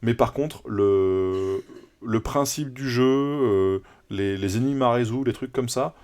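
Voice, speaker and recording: A man's voice: mid-range voice, slow pace, a little mellow. Rambling male game streamer. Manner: rambling, chatty, lots of fillers and restarts. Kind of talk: casual live gameplay commentary.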